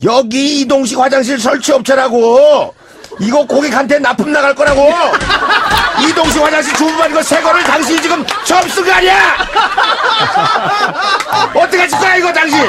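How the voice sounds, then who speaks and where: A man voicing an angry middle-aged worker at a portable toilet company, shouting and bossy. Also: extremely high pitch, fairly even intonation, fairly quick, loud music behind the voice, a loud crowd, pitched above the performer's own voice.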